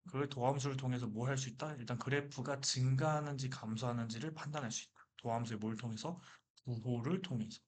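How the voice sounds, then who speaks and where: A man's voice: medium pitch, fast talker, few pauses. A man teaching a math lecture who keeps asking questions and answering them himself. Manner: lively, asks and answers his own questions.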